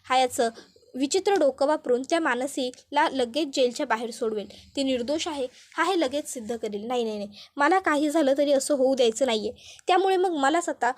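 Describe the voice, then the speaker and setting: A woman's voice: sits high, fairly quick, lightly acted. A woman voicing a scheming, controlling woman from a TV serial who scolds and plots. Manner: curt, scolding.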